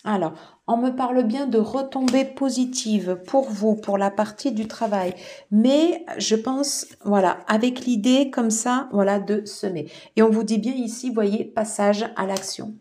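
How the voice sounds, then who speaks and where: Slow, soft-spoken woman reading tarot. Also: a little high. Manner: slow, soft-spoken, filler-heavy with many "voilà" and "alors". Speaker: tarot reader. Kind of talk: casual tarot reading to viewers.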